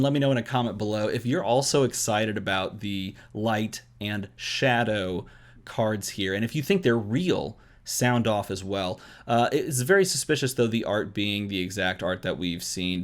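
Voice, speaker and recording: A man hosting a trading card game video, rambling excitedly to his viewers in an overexcited babble, with emphatic repeated questions. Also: on the low side.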